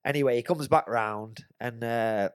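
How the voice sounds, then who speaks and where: Here a man with a smooth, mid-range voice talks at normal speed, hosting a podcast and cheerfully cursing through an animated anecdote. The studio recording is clean and echo-free.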